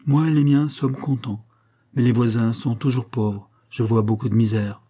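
A man reading an audiobook, voicing a proud, plain-spoken working man in a steady, earnest voice. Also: medium pitch, moderate pace, lightly acted.

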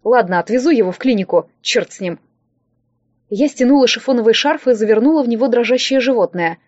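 Higher-voiced woman narrating an audiobook. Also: darkish tone, dry recording. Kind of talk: first-person audiobook narration. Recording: dry, slightly dull audio.

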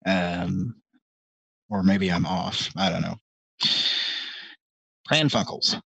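A deep voice with vocal fry and a breathy edge, delivered slowly and completely flat, belongs to a middle-aged man hosting a live call-in stream. He rambles in casual chat, hesitating often with ums and restarts and adding wry, self-deprecating asides. The audio is dull, with no room sound.

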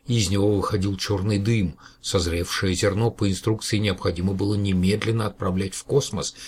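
A man narrating an audiobook in a calm, even storytelling manner, with a husky voice. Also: sits low.

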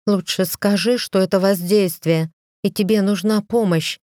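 A woman voicing a defiant, sharp-tongued young wife who speaks sarcastically and teasingly. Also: mid-range voice, fairly even intonation, a little slow, dry recording, clean studio sound, pitched above the performer's own voice, natural voice. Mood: mocking.

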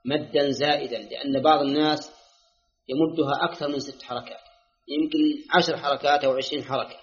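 An older man teaches a religious lesson, pausing to sound out words as he explains. His voice sits a little high. The recording is dull and lo-fi. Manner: explains points slowly, demonstrating pronunciation aloud. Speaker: scholar teaching a classical text.

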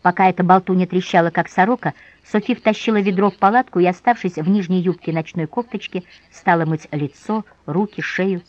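A woman reading a novel aloud in a measured, expressive way. The sound is dry and close, with a slightly dull tone. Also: fairly low pitch, no room sound. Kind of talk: audiobook narration.

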